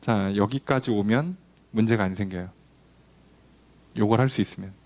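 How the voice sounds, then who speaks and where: A man's voice: fairly low pitch, normal speed, a little mellow. A male pastor leading a Bible study. He talks with the congregation in a conversational way, asks them questions and acts out quoted dialogue. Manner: acts out quoted dialogue between God and people.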